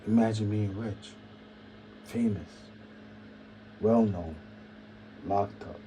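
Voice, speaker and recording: Rambling man musing in a dark voice. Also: fairly low pitch, slow pace, a little hiss or hum, poor audio. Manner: repetitive, musing, keeps saying "imagine that"; half-joking asides, trails off quietly. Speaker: channel host. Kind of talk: rambling solo commentary.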